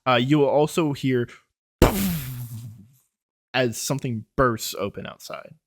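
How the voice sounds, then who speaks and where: A man's voice: medium pitch, moderate pace, a little hiss or hum. A man running a tabletop horror game as game master, narrating with lots of fillers and loose, rambling phrasing. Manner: rambling, filler-heavy, chuckling.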